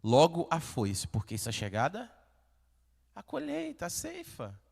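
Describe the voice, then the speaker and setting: A man with a Brazilian Portuguese accent, a pastor preaching a sermon, swinging from quiet murmurs to shouted peaks. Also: on the high side, huge pitch swings, measured pace, gravelly, slightly rough. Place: large church hall. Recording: echoey church hall.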